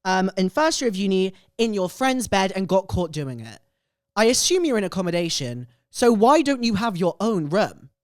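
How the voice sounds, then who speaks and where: A woman's voice: mid-range voice, normal speed, no room sound, clean studio sound. A young woman hosting a casual, chatty show, gleefully gossiping and reacting emphatically, often repeating phrases for effect. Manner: gleefully gossipy, animated and opinionated. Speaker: show host.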